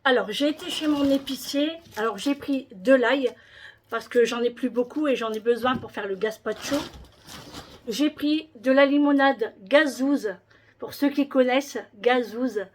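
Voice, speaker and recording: A woman's voice: a little high, normal speed, slight background noise. A woman vlogger chatting casually about her shopping haul, with many hesitations and repeated words.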